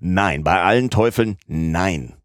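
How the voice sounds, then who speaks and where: A man's voice: low-pitched, slow pace, no echo. Blustering old sea captain, furious and cursing, read by a man; dry studio audiobook. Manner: shouting curses, choking with rage.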